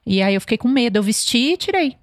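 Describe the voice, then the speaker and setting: A woman's voice: a little high, lively intonation, fast, dry recording, studio quality. A woman from Brazil hosting a podcast, chatty and confiding, often tagging questions onto her sentences. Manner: chatty, many "entendeu?" tags. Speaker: host. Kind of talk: casual podcast chat.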